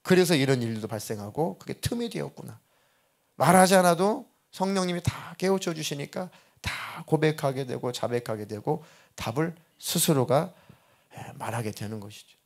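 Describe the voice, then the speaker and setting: A male pastor preaching a sermon in a church, talking in a conversational way and repeating key phrases for emphasis. He drops to a soft, quiet voice at moving points. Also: a little high. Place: church sanctuary.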